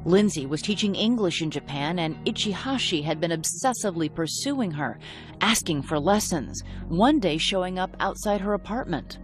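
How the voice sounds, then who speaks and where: Woman doing true crime narration, lowish voice, music playing clearly behind her. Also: expressive, moderate pace. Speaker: documentary narrator and reporter.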